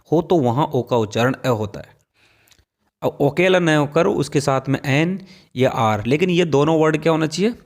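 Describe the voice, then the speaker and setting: A man's voice: medium pitch, a little mellow. Male English teacher, patient and repetitive, spells out words while explaining rules. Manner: patient, repeats each rule several times and spells words letter by letter.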